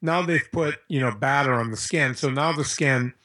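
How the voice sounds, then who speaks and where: A man's voice: mid-range voice, moderate pace, sharp tone. An American man talking casually and bluntly as an interview guest, handing out informal advice.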